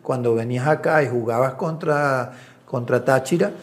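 A man's voice: mid-range voice, moderate pace. A middle-aged man, an assistant coach, telling anecdotes in a casual interview and acting out the voices of people he quotes. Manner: animated storyteller who acts out quoted voices. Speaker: assistant coach and video analyst.

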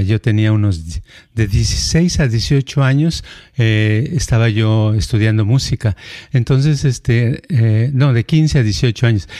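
Brief: middle-aged Mexican man, podcast co-host, lively anecdotal chat. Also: mid-range voice. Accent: Mexican Spanish. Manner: animated, acts out quoted voices, frequent fillers. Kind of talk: casual conversational storytelling.

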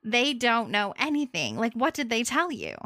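A woman's voice: fairly high pitch, huge pitch swings, moderate pace, sharp tone, no room sound, voice pushed up, heavily acted. A woman voicing a dismissive old male sea god, lecturing, dry storytelling sound. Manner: dismissive, matter-of-fact.

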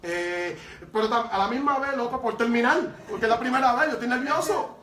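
A man telling his testimony as a preacher, lively and emphatic, with frequent fillers. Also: very high-pitched, brisk, slight background noise. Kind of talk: storytelling testimony. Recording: roomy sound from far off.

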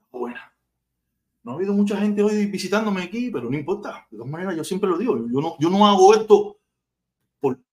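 Fast, animated Cuban man ranting. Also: a little high. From Cuba. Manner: blunt, profane, emphatic ranting. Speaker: live streamer. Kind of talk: casual live-stream rant.

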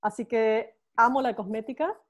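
A woman's voice: fairly high pitch, normal speed, dull audio. Argentine woman with a Buenos Aires accent. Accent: Buenos Aires Spanish. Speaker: guest, cosmetics expert. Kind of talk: casual podcast interview.

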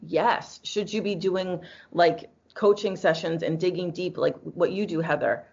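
A woman's voice: lowish voice, unhurried, vocal fry, a little mellow, husky, highs cut off. A woman co-hosting as an energy healer, chatting casually and emphatically, often answering her own questions. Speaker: podcast co-host and energy healer. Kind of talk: casual conversational advice.

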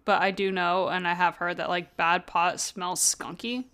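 A woman's voice: fairly low pitch, flat delivery, moderate pace, fairly bright tone. A woman hosting a podcast, chatting casually and retelling a book's scenes with lots of filler words. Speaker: podcast host. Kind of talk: casual book club chat.

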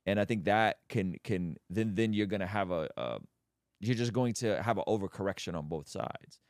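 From Azerbaijan and of Armenian family, this podcast host tells stories in casual conversation, animated and full of restarts. His voice sits low and moves at a moderate pace, with clean studio sound and no echo.

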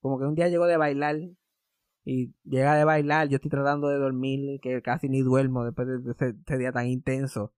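A man hosting a podcast, telling a story in a sarcastic, animated way and acting out the voices of the people he quotes. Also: mid-range voice, fairly quick, clean tone, no echo, studio quality. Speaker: podcast host. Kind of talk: casual storytelling chat.

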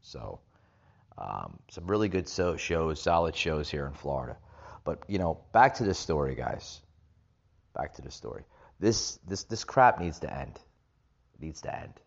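Deep voiced guy doing political podcast commentary, kinda halting, repeats himself, echoey muffled room sound. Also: big pitch swings, creaky. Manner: halting, repeats phrases for emphasis. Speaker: podcast host. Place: echoey room in a vacation rental. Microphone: makeshift setup without usual equipment. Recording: echoey, dull makeshift room recording.

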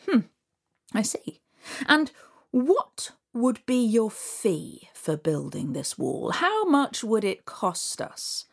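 A woman's voice: a little high, very animated, slow pace, vocal fry, husky, exaggerated voice. A woman voicing the one-eyed ruler of the gods, ponderous and thoughtful. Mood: musing.

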